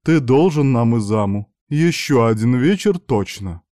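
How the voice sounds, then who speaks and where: A man's voice: medium pitch, lively intonation, a little slow, mellow, no echo, studio quality, lightly acted. A man voicing a bossy, teasing young woman student in a read-aloud story, with a pushy, mocking manner.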